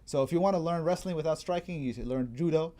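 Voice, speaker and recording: A man's voice: on the high side, fast talker, dark tone. A man hosting a casual chat, explaining things at length, laughing often and trailing off mid-sentence. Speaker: fitness trainer and host.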